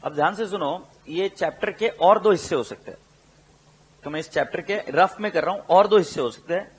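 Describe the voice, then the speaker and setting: A man with an Indian English accent teaching accountancy, mixing Hindi and English, repeating key terms slowly for dictation and asking his students questions. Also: high-pitched, a little hiss or hum. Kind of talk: classroom lecture.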